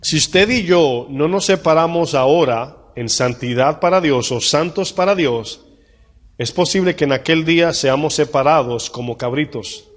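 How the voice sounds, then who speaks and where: Preaching pastor in a reverberant hall. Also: male voice, on the high side. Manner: asks the congregation questions, reads scripture slowly. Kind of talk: sermon.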